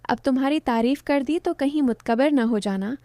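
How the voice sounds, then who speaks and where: A woman's voice: high-pitched, warm tone, dry recording, close to an everyday voice. A woman voicing the playful, teasing young friend of a fiancée in a narrated story.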